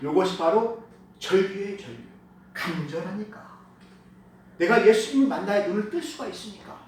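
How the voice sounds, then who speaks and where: A pastor preaching a sermon with strong emphasis, his delivery swinging between loud calls and hushed asides. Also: sits high, moderate pace, slight background noise. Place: church sanctuary. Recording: echoey hall, picked up from a distance.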